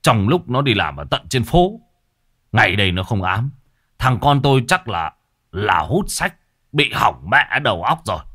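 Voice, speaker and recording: A man doing a gruff, hot-tempered old father. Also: fairly low pitch, very animated, moderate pace, pushed and bright, heavily acted. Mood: scornful. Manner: gruff, scolding bluster.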